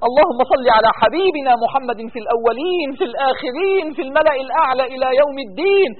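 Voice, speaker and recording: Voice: high-pitched, expressive, racing. A prayer leader chanting a tearful supplication, pleading in repeated calls, voice breaking into crying. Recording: tinny phone-like recording.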